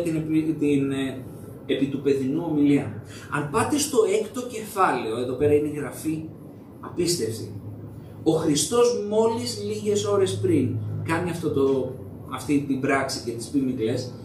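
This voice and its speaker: A man's voice: sits high, darkish tone, a little hiss or hum. A young man preaching a sermon in a church, talking conversationally and putting questions to the congregation. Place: church hall. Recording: echoey hall, mic at a distance.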